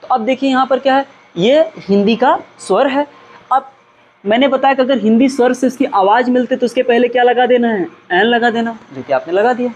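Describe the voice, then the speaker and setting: A man's voice: very high voice, brisk, a little hiss or hum. A male teacher giving a grammar lesson, who asks his students questions and then answers them himself, repeating key words for emphasis. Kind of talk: classroom-style grammar lesson.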